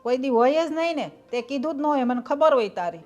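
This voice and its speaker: A woman playing a defensive, sharp-tongued mother-in-law in a family drama. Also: high-pitched, lively intonation, brisk, faint music behind. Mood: scornful. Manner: scornful, argumentative.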